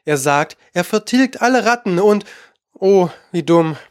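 A man's voice: high-pitched, expressive, a little slow, no echo, clean studio sound. A man voicing a polite, curious young girl who talks eagerly and coaxingly.

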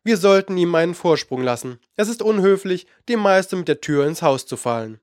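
A man's voice: high-pitched, lively intonation, a little fast, dry recording, clean studio sound, voice pushed up. A man reading an audiobook, voicing a scheming older male sorcerer with a condescending, impatient manner.

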